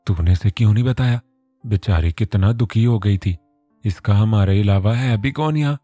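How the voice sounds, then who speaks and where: A man's voice: fairly low pitch, moderate pace, warm tone, dry recording, soft background music, close to an everyday voice. A man voicing a scolding but affectionate middle-aged mother in a storybook reading.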